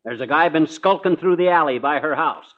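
An actor playing a cocky, wisecracking, scheming American husband in an old radio comedy. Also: male voice, a little high, a little fast, close to an everyday voice. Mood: bossy scheming. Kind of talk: 1940s radio comedy acting. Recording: muffled old radio recording.

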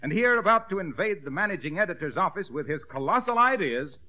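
High, lively vintage radio announcer man. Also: fast talker. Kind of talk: 1940s radio scripted narration. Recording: dull vintage radio recording. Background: music.

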